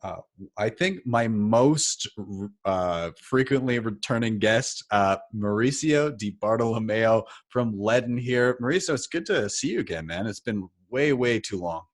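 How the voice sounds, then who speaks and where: A man in his thirties, hosting a podcast, chats through a casual interview in an expressive mid-range voice that runs a little slow. He's upbeat and conversational with filler words, speaking into a studio mic with headphones at his home office.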